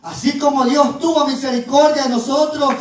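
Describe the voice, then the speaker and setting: A man preaching a sermon in a strikingly high voice. He stands some way from the microphone in a hall that rings with echo. He often tags on "¿verdad?" and slows down to stretch out the words he wants to stress. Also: fairly even intonation. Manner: peppers speech with "¿verdad?" and "eh", stretches key words slowly. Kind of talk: sermon with Bible reading. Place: church. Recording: very echoey, voice far from the mic.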